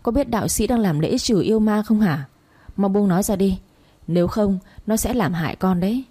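A woman's voice: medium pitch, normal speed, mellow, slightly rough, no echo, lightly acted. A woman voicing a boastful, wealthy old landlord who gives orders and scolds. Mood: commanding.

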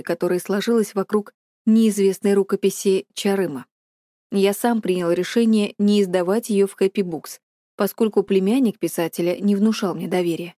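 A woman's voice: mid-range voice, mellow, clean studio sound, close to an everyday voice. Woman narrator playing a commanding male director in a storybook, cold and level, no room echo.

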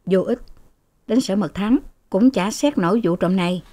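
A woman reading an audiobook voices a calm young male student in her own level voice. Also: medium pitch, moderate pace, close to an everyday voice.

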